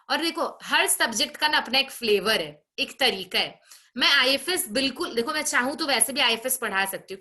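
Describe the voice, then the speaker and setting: Bright-voiced woman teacher scolding online class. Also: on the high side. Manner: scolding, brisk, frequent tag questions. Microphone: video call.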